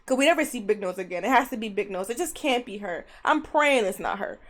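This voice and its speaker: A young woman streaming a game live, chatting in an animated, slangy, blunt way at her streaming microphone. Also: medium pitch, fast. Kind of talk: casual live gameplay commentary.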